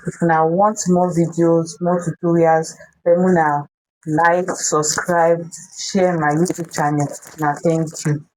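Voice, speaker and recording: Woman, low voice, West African accent, Pidgin English, step-by-step teaching, repeated phrases, frequent checks on the viewer. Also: little pitch movement, a little slow, darkish tone, a little hiss or hum, poor audio. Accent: West African, speaking Pidgin English. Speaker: sewing tutorial host. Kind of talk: hands-on instructional tutorial in Pidgin.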